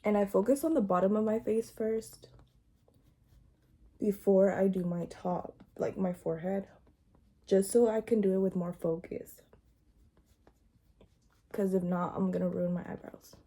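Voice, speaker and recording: A young woman chatting casually through a makeup tutorial at home, talking softly and sometimes in a whisper, with a groggy morning voice. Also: mid-range voice, fairly even intonation, measured pace, long pauses, slightly rough. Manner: soft, hushed talk, sometimes slipping into a whisper. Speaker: beauty vlogger. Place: home, indoors. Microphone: phone front camera.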